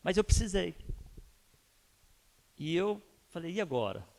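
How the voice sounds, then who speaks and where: A man's voice: sits high, sing-song, measured pace, a little mellow. A man, a pastor telling a personal story in a conversational church sermon and asking his listeners rhetorical questions. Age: 50s.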